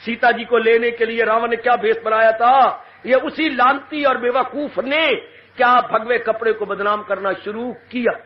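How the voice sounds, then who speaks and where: A man from India, a swami preaching a devotional sermon, telling stories with dramatic emotion, breaking into shouts and sung verses. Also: very high-pitched, little pitch movement, measured pace. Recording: dull lo-fi 1980s tape recording.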